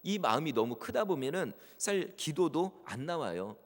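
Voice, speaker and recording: A man's voice: on the high side, sing-song, normal speed. A male pastor delivering an earnest sermon, addressing his congregation directly. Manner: earnest preaching, voices quoted prayers with rising intensity. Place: church sanctuary. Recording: long church reverb.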